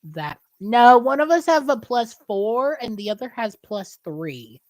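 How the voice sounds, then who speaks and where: A woman's voice: fairly high pitch, sing-song, a little slow, darkish tone, no echo. A woman running a tabletop game as game master, guiding the players step by step over an online voice call. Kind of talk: casual tabletop game chat.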